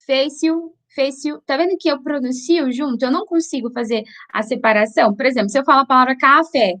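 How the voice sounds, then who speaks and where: A woman with a high, light voice and a Brazilian Portuguese accent teaches an online review class. She explains things patiently, often checking in with her students. She sometimes slows right down to sound out syllables one by one. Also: a bit bright.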